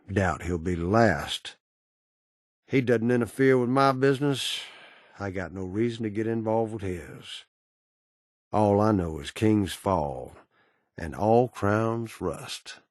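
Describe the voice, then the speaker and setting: An actor playing a cynical, menacing ghoul bounty broker in a video game, with an American Southern accent and a sardonic drawl full of cowboy slang. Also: male voice, low voice, slow, no room sound, clean studio sound. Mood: world-weary, businesslike. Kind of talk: video game character dialogue.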